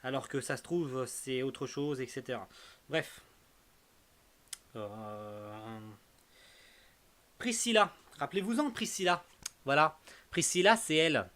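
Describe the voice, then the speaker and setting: A man's voice: mid-range voice, lively intonation, takes it slowly, pauses often, fairly bright tone. A young man casually reviewing the month's manga to camera, rambling with many fillers and teasing his viewers.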